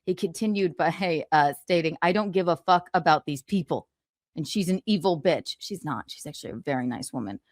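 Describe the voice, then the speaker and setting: Speaking a little fast with lively intonation, a low-voiced woman streams live, mixing casual talk with book readings delivered in a gloating, sarcastic, theatrical manner. The recording is dry and of studio quality.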